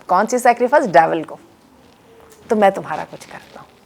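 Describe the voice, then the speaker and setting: A woman delivering an Islamic storytelling lecture as a religious teacher, telling the story in an animated way, mixing in English words and reciting Quranic Arabic verses. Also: mid-range voice, vocal fry.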